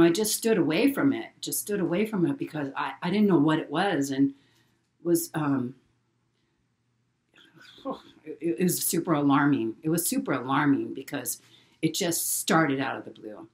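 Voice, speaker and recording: Low-voiced woman telling a story. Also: darkish tone. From Hawaii. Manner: halting, repeats words, many fillers. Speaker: channel host telling a personal story. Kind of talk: casual spoken storytelling.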